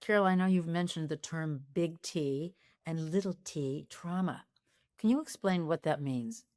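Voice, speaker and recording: A woman co-hosts a podcast, her voice sitting a little low. She asks curious questions with a light, joking touch, recorded close with no room echo. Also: unhurried, a little mellow. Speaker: podcast co-host. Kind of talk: podcast interview.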